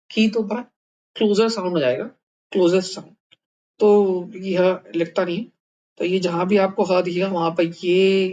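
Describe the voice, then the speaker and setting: A man's voice: on the high side, a little mellow, dull audio. A man teaching a language lesson in a casual way, thinking aloud with many fillers and repeated words.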